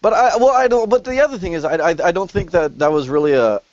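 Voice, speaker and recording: A young man co-hosting a podcast in a mid-pitched voice, opinionated and teasing. The sound is dry and a bit dull, as if recorded at home. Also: lively intonation, fast, no echo. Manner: opinionated, teasing, trash-talking. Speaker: podcast co-host. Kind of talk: casual podcast banter.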